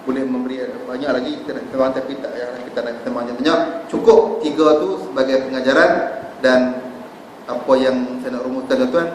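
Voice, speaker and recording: Malaysian Malay preacher in an echoey hall. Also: male voice, medium pitch, a little mellow, distant mic, slight background noise. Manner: storytelling, addresses audience as tuan-tuan. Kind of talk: sermon.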